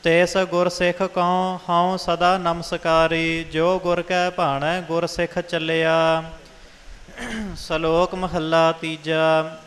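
Man, slow scripture chant, monotone sing-song, reverberant hall, faint music. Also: fairly high pitch. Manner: steady sing-song chant, flat and unhurried. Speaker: scripture reciter.

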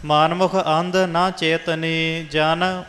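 A man chanting scripture aloud in a slow, steady sing-song recitation. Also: a little high. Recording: reverberant hall with faint music.

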